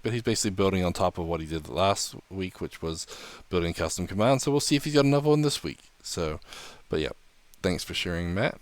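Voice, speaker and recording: A man co-hosting a tech news podcast, easygoing, running through news items and trailing off softly. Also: sits low. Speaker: podcast co-host.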